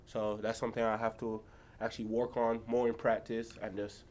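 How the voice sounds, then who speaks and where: A young man, a college basketball player, calmly reflecting on his own game for reporters. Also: on the low side, fairly quick. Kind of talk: postgame press conference answers.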